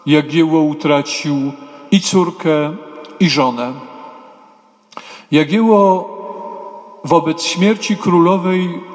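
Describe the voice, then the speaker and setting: A man delivers a sermon in a slightly high voice, unhurried and solemn, breaking his sentences into short measured phrases that now and then drift into a half-sung chant. His words hang in the long reverb of a church. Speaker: preacher.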